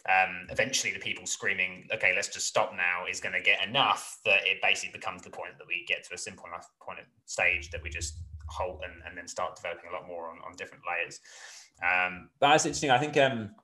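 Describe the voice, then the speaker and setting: A man's voice: sits low, fast, pushed and bright, poor audio. A man hosting an interview, asking rambling questions full of hedges and fillers. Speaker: interview host.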